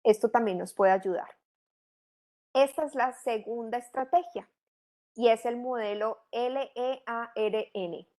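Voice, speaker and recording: A woman's voice: fairly high pitch, measured pace, a little mellow. A middle-aged woman, teaching a training course in a didactic way, asking many rhetorical questions. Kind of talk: online training lecture.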